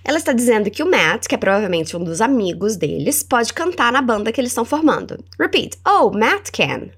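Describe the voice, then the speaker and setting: A woman with a Brazilian Portuguese accent hosting a language lesson podcast. She is encouraging and slows down to model English words for the listener to repeat. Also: on the high side, breathy edge. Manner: animated and encouraging, models words slowly for repetition. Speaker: English teacher and podcast host.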